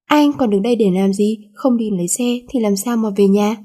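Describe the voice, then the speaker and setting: A woman's voice: mid-range voice, moderate pace, dark tone, natural voice. Woman voicing a feisty teenage schoolgirl. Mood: scolding. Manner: scolding, then coaxing sweetly. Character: feisty teenage schoolgirl, bossy yet caring.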